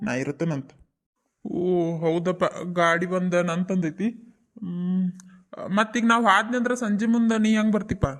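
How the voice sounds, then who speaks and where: A man's voice: sits high, a bit bright. A man voicing easygoing village farmers in a cartoon, with a North Karnataka accent. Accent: North Karnataka Kannada. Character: village farmer father and son chatting.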